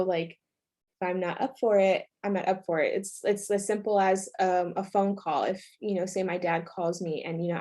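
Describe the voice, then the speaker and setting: A woman's voice: fairly low pitch, darkish tone. Woman co-host, sincere, laughs a lot, casual chat. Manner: earnest, laughs often. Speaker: podcast co-host.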